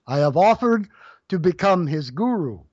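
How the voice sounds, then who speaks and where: A storyteller voicing a gentle great yogi who speaks calmly and kindly. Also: male voice, high voice, normal speed, husky, no room sound, exaggerated voice. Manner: calm, kindly. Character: gentle, sweet-voiced great male yogi. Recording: dull lo-fi dry recording.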